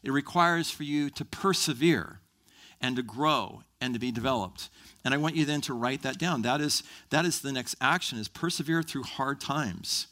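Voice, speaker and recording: Bright-voiced emphatic male pastor preaching. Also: medium pitch, moderate pace. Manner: animated, emphatic preaching with rising intensity. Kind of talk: sermon.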